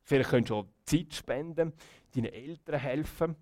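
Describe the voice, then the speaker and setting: A Swiss German man preaches to kids in a chatty, conversational way, full of little tags like "hey" and "gell". His voice sits a bit high for a man. The sound is close and dry, with no room echo. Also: moderate pace, a little mellow. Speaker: youth preacher. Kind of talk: children's devotional talk.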